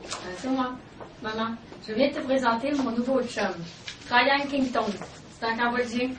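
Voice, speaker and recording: A woman's voice: on the high side, steady tone, a little slow, close to an everyday voice. A woman with a Quebec French accent acting a young daughter who speaks in a casual, chatty way. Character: young adult daughter bringing home a boyfriend. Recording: echoey room, far from the mic, clear noise.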